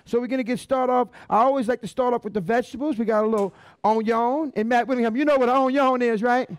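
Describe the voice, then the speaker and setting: A man's voice: extremely high pitch, steady tone, fast talker, no echo. A middle-aged man, hosting a live cooking show as a chef in a folksy showman's way, talking straight to his audience on a headset mic. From Louisiana. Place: restaurant dining room stage, indoors.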